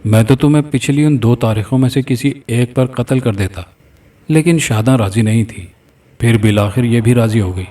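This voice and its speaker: A man's voice: mid-range voice, warm tone, close to an everyday voice. A man voicing a menacing male spirit that has possessed an old father, speaking coldly and threateningly. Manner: cold, threatening. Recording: distant mic, faint background music.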